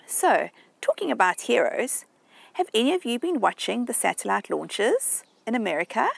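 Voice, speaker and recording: A woman in her thirties speaks to small children like an overbright kids' party host. Her pitch swings widely, her voice has some gravelly creak, and the sound is dry and close. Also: sing-song, moderate pace, no echo. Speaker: children's church presenter. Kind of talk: scripted talk to young children. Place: outdoors at a table in a garden.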